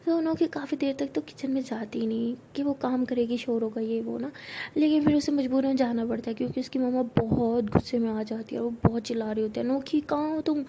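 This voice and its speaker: A young woman narrates a love story casually, chatting along with plenty of filler words. Her voice sits high, with a mellow, darker tone. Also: steady tone, brisk, slight background noise. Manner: chatty, uses many fillers.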